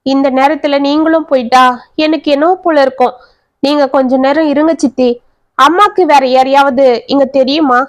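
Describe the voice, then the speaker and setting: Woman doing a worried young guy, pleading, keeps asking questions, high voice, dry close sound. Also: fairly quick, dry recording, dull audio, close to an everyday voice. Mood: anxious. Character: worried young married man, son searching for mother.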